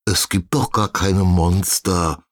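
A man's voice: deep voice, steady tone, takes it slowly, dry recording, clean studio sound, voice pushed up. A man voicing a doubting, down-to-earth male hare in a children's audiobook, with a skeptical manner. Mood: dismissive. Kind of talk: audiobook character voice.

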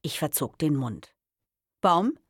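A woman narrating a first-person novel in a wry, expressive way. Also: fairly low pitch, moderate pace, gravelly, no echo, clean studio sound. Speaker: audiobook narrator.

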